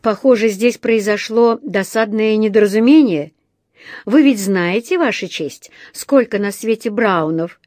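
A woman's voice: medium pitch, unhurried, darkish tone, no room sound, clean studio sound, lightly acted. A woman voicing a kindly, polite elderly male antique dealer who explains things patiently. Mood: courteous.

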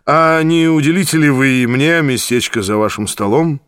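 A man's voice: a little high, normal speed, a bit bright, clear, resonant tone, no room sound, clean studio sound, close to an everyday voice. A man voicing a lyrical, dramatic former stage actor who lingers over his words. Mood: theatrical wistful. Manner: theatrical, lingering.

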